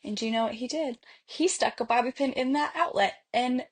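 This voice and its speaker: A woman co-hosting a podcast in a casual chat, a lively storyteller who laughs often. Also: high-pitched, brisk. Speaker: podcast co-host.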